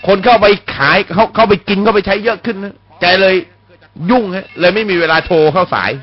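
A man's voice: high-pitched, a little fast, faint music behind. A man hosting a casual political call-in radio show, joking bluntly with crude words and chuckling as he talks. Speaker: radio host. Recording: lo-fi radio broadcast.

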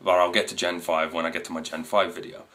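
Guy in his 20s rambling to camera, real deep voice, lots of ums. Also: little pitch movement, fast talker, a bit bright. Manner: rambling, many fillers and restarts. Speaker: video host. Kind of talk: casual to-camera talk. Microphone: camera mic.

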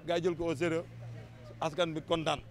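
A football fan from Senegal, speaking fairly quickly in a slightly high voice with little pitch movement, makes an emphatic case to a street interviewer and keeps repeating his words. The handheld mic catches the noise of the busy street and traffic outdoors.

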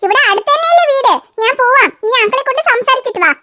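Woman as a scolding cartoon mom, high and bright, quick and sharp. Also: lively intonation, full character voice. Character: scolding young mother, sharp-tongued. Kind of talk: cartoon voice acting.

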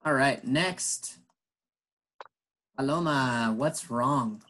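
Slow, patient bilingual English teacher man. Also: medium pitch, bright, forceful tone, rough recording. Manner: slow, patient explaining, switching between English and Spanish. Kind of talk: bilingual classroom lesson.

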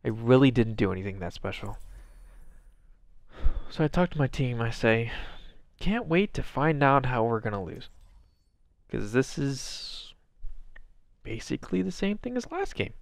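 Man, gravelly voice, casual game commentary, sarcastic, swears a lot. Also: medium pitch, sing-song, a little slow, pauses often, no room sound. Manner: wry, sarcastic, profane. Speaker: gameplay commentator.

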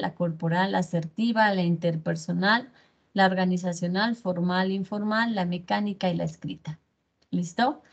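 A woman's voice: fairly low pitch, darkish tone. A woman instructor giving an online class lecture over a video call, often checking in with her students through short tag questions.

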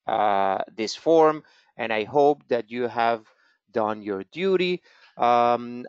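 A genealogy expert with a Venezuelan Spanish accent hosts a live webinar from an office in Israel, walking through material via screen share. He speaks slowly and carefully at medium pitch, using many "uh" fillers. His home mic gives a dry, dull sound with slight static.

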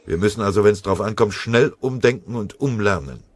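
A blunt company commander speaks loud and crude to his troops, as a male audiobook reader voices him. His low, husky voice sounds close and dry. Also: lively intonation, a little fast, no room sound.

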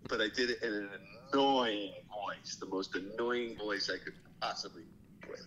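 A man's voice: on the low side, fairly even intonation, normal speed, fairly bright tone, slight background noise. A middle-aged father with a dry, laid-back, teasing manner, heard on speakerphone during a call. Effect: heard over speakerphone. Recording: muffled phone speaker with faint ambience.

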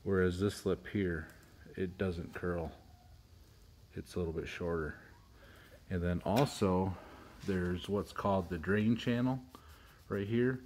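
Low-voiced man explaining barn work. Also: steady tone, slow pace, long pauses, a little mellow, a little hiss or hum. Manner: plain, matter-of-fact explaining with small restarts. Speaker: homestead video host. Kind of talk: casual how-to narration. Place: pole barn workshop, partly outdoors.

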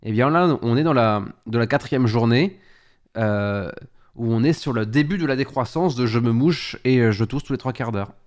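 A man hosting a casual live stream while sick with a head cold, sniffly and stop-start. He talks at an ordinary mid pitch, repeats himself as he goes, and bursts out in exclamations when his gear misbehaves. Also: moderate pace. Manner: chatty, restarts often, exclaims at tech trouble.

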